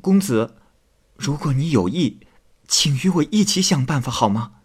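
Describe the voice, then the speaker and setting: A man voicing a shy young maidservant who pleads in halting, stammering words in a storybook retelling. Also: on the high side, animated, slightly rough, pitched above the performer's own voice. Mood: earnest.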